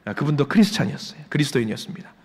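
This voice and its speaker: A man's voice: medium pitch, lively intonation, racing, darkish tone. A male pastor in his forties preaching a sermon, repeating rhetorical questions with emphasis. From Jeolla region, Korea. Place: church sanctuary. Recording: long church hall reverb.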